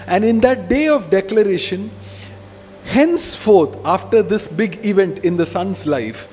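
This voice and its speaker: A man's voice: high voice, darkish tone, big-room sound, a little hiss or hum. A man pastor preaching a sermon, emphatic, often checking in with the congregation. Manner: emphatic preaching, frequent call-outs to the congregation.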